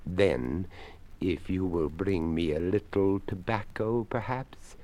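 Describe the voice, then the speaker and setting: A man voicing a polite, courtly old skeleton who speaks formally and gently. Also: low voice, slow. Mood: courteous.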